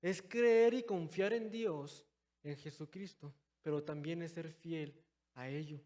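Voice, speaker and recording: A young man preaching a sermon in a church, calling his listeners brothers and moving between loud, stressed phrases and quiet, low asides. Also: slow pace. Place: church hall. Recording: long hall reverb.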